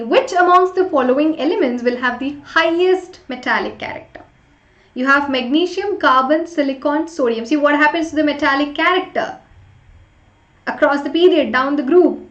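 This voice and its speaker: A woman's voice: high voice, normal speed, fairly bright tone. A woman teaching an interactive live online class, chatting with students and urging them along with short repeated prompts. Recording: roomy echo, slightly dull sound.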